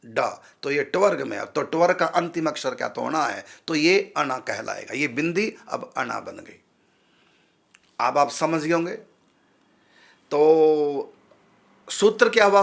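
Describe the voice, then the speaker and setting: A man's voice: a little high, gravelly, fairly bright tone. A man, a spiritual teacher, patiently explaining how to pronounce mantra syllables and repeating sounds to drill them.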